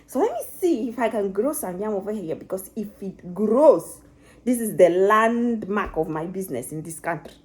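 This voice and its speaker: A woman in her thirties, her voice on the high side, chats casually to her phone camera, set on the counter and filming from below, as she cooks in her home kitchen. Her Ghanaian accent carries Italian and British touches. A vlogger, she's chatty, says "like" a lot, restarts often and playfully shifts accents.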